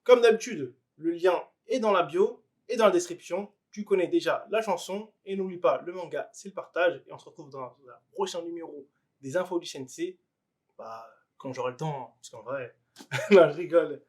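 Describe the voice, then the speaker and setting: Guy with a high voice doing a chill anime news vlog, talks right at you, lots of ums. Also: moderate pace, a little mellow. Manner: chatty, addresses viewer directly, many fillers. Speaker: anime news video host.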